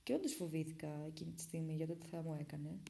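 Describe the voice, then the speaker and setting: Gravelly low-voiced young woman storyteller. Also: steady tone. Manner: dramatic retelling that swings between hushed whispers and loud bursts. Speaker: vlogger telling a personal story. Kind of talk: casual storytelling.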